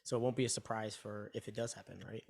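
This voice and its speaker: Male co-host, low and flat delivery, relaxed plain talk, dry close mic. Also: fast, vocal fry, dry recording. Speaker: podcast co-host, repair technician. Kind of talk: casual business chat.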